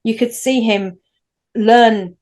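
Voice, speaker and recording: Speaking slowly in a slightly high, darkish voice with fairly even intonation, this Northern English woman co-hosts a relaxed podcast chat. She wanders through her points and keeps starting over.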